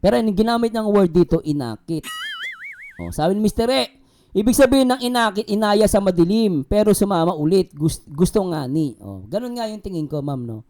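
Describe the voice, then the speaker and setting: A man's voice: high-pitched, lively intonation, fairly quick, dark tone. A man hosting a reaction video, commenting casually and jokingly with lots of fillers. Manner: chatty, joking, many fillers like oh and di ba. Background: background music.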